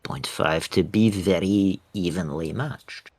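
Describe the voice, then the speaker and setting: A man's voice: low-pitched, takes it slowly, no room sound. A man playing a driving game with a friend, chatting casually and throwing in dry jokes. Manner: joking, dry quips. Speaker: co-player. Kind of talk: casual gameplay chat.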